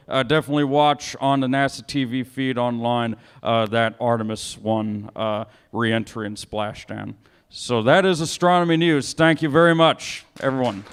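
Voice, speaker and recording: A man presenting astronomy news at a public science talk, enthusiastic and halting with many fillers. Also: medium pitch, fairly even intonation, clear, resonant tone. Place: bar event hall. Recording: long hall reverb.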